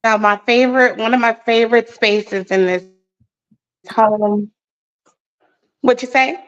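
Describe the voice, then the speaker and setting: A woman's voice: a little high, fairly even intonation, measured pace, muffled recording. Chatty woman realtor touring a home. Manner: chatty, nervous, laughs often. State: slightly out of breath from walking. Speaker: real estate agent. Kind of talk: walking home tour.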